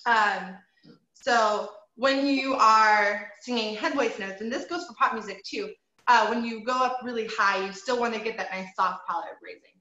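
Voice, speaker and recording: With a fairly high, pushed, bright voice at normal speed, a woman teaches singing to a group. She's encouraging and patient, says "um" often, and demonstrates by singing; the audio is roomy and a little dull.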